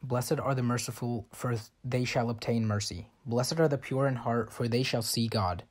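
A man reading scripture in a church service, slow and measured, almost chanted. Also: medium pitch. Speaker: church reader.

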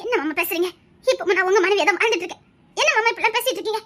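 A woman plays a devoted young wife who soothes and reassures her frightened husband. Her very high, bright voice carries a Tirunelveli Tamil accent in this tender melodrama. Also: racing. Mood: soothing. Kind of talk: emotional melodrama acting.

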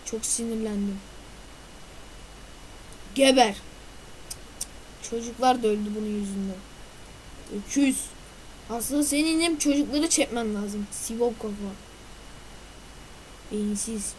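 Giving gameplay commentary in a let's play, a woman chats with her viewers and now and then erupts in silly noises at the game. Her voice is fairly high and a little mellow, at normal speed with long pauses, and the rough recording carries some hiss or hum.

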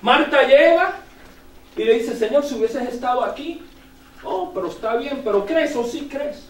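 A man preaching a sermon in church, animated, rising to shouts and checking in with the congregation. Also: extremely high pitch, moderate pace. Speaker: pastor. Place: church sanctuary. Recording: echoey church, voice from far off the mic.

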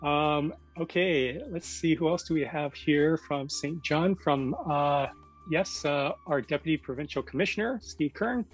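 A man's voice: on the high side, unhurried, breathy edge, faint music behind. A man hosting a commemorative video call, casually calling on guests one by one. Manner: casual, friendly, calls on guests by name. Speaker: event host.

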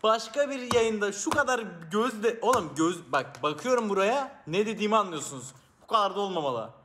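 A man with a high voice streams live, joking and teasing his viewers as a mock teacher. His pitch climbs and dips all over the place, and he swings from loud outbursts to low mumbles. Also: sing-song, a little fast.

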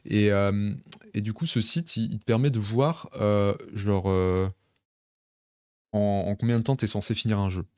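A man's voice: fairly low pitch, unhurried, a little mellow, clean tone, dry recording, clean studio sound. A young man casually chatting with his viewers during a home live stream, rambling and reading out chat messages. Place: home bedroom.

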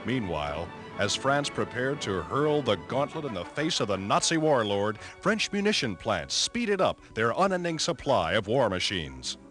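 An old newsreel narration by a man, delivered in a dramatic, emphatic announcer style. His voice swoops up and down with great expression, and a clear music score plays underneath him. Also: mid-range voice, sing-song, normal speed, hardly any pauses, fairly bright tone.

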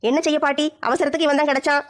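Brash fast-talking woman doing comic sketch. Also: sits high, fairly even intonation. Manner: brash and mocking. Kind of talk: village comedy sketch acting.

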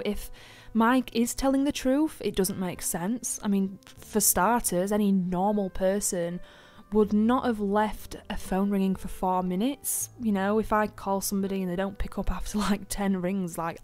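On her podcast, a woman recounts a true crime case casually, chatty and opinionated, full of ums, asides and blunt verdicts. Her voice is middle-pitched with fairly even intonation at a moderate pace, and faint music plays softly in the background.

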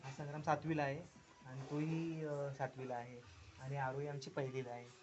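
A man's voice: mid-range voice, flat delivery, normal speed, muffled recording, noisy background. A man from the Konkan region narrating a casual walking tour as a vlogger, upbeat and full of praise for what he films. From Konkan, India. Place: village outdoors in rain.

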